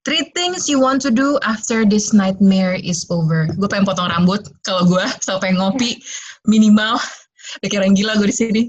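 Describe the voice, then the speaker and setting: A woman hosting a casual interview over a video call, relaxed and joking, with frequent short backchannels. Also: medium pitch, moderate pace, dull audio. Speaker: host.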